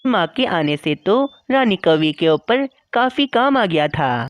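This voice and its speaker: A woman tells a cartoon story in scripted narration, her pitch swinging lively up and down. The sound is dry and close to the mic. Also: a little slow, dry recording. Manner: lively storytelling, addresses viewers.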